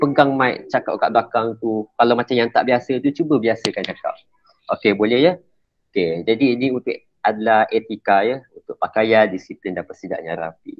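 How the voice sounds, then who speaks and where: A man giving an informal workshop lecture to school prefects, chatty and often checking whether his listeners understand. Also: on the low side. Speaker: emcee trainer for school prefects. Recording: slightly dull lo-fi recording.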